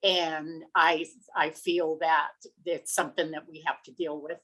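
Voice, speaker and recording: A woman county commissioner speaking in a public meeting, measured and halting but firm in her position. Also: deep voice, flat delivery, a bit bright, rough recording.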